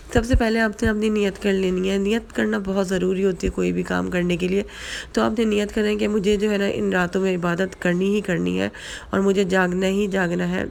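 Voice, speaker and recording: A woman talks to her viewers in a casual religious advice vlog, her voice hoarse from a flu and sore throat. Her tone is gravelly and stays fairly level in pitch. She chats loosely, circling back with repeated fillers. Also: darkish tone. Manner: chatty, repeats fillers, mixes in English words. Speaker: vlogger.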